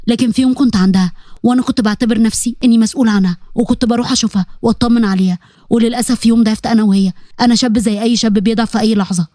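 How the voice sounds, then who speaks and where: A woman's voice: on the high side, dry recording, studio quality, close to an everyday voice. A woman voicing a remorseful young man. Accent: Egyptian Arabic. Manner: soft, earnest, confessional.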